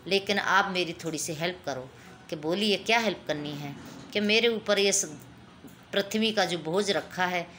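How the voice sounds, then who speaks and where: Woman, low voice, devotional sermon, storytelling, faint background hiss. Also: a bit bright. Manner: storytelling, repeatedly addresses the congregation. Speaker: satsang speaker.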